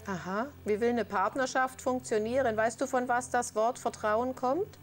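A woman's voice: a little high, fairly even intonation, normal speed. A woman hosting a live call-in advice show, talking in a theatrical, teasing and lecturing manner.

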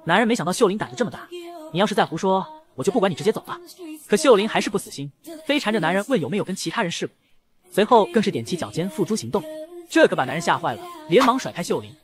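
A man's voice: high voice, faint music behind. A man narrating a comic recap at speed, reading every character's lines himself. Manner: rapid, lively, voices both lovers in dialogue. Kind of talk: fast scripted story narration with acted dialogue.

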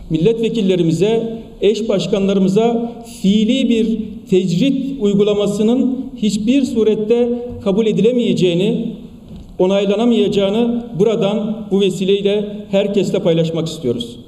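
A man delivers an emphatic political speech at a podium microphone, building his points through repeated phrases. His voice sits high but sounds mellow. The sound carries a long hall reverb, heard from some way off the mic. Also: normal speed. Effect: speaking at a podium microphone in a large hall. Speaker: politician addressing a party meeting. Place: large meeting hall in parliament. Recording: echoey hall, distant mic.

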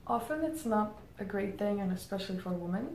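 Her answers are reflective: this Czech marketing head, a guest in an interview, pauses thoughtfully and says "um" a lot. The voice is mid-range and darkish, with lively intonation. She's in an indoor room with a plain grey backdrop, and roomy echo and faint ambient noise come through.

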